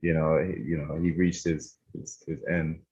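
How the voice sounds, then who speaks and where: A man's voice: extremely low pitch, level tone, moderate pace, darkish tone, slightly rough, muffled recording. A man from Barbados, a gaming streamer, chatting casually in an interview, laid-back and laughing often. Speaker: streamer guest.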